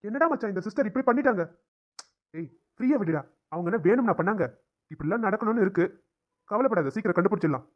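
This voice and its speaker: A man's voice: high voice, lively intonation, highs cut off. A man voicing young male doctors in a cartoon drama, chatting and joking between friends. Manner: brisk, chummy banter.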